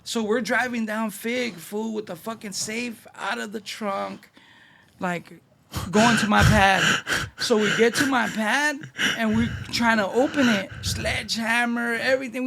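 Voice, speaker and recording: A man's voice: high-pitched, measured pace, vocal fry, bright, forceful tone. A man with a Los Angeles Chicano accent telling street stories in a casual, slangy interview, acting out what people said. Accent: Los Angeles Chicano English. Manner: slangy street storytelling, acts out quotes. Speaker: guest.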